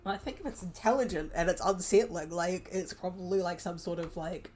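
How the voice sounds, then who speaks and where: A woman's voice: on the low side, brisk, darkish tone, faint music behind. A young woman streaming a solo tabletop game, reading prompt lists aloud and musing at length with many fillers.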